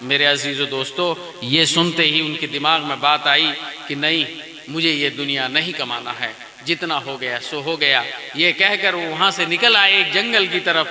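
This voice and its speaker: A man preaching a storytelling sermon at a wedding gathering, animated and calling the crowd his dear friends. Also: fairly high pitch, roomy sound. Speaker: Islamic preacher.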